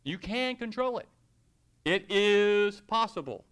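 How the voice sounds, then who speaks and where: Bright, clear-voiced male preacher. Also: high-pitched, lively intonation. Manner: conversational preaching, quoting scripture slowly and acting out everyday scenes. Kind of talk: sermon.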